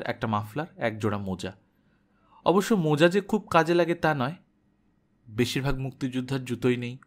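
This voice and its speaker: A man narrating an audiobook in a measured first-person diary reading. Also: medium pitch.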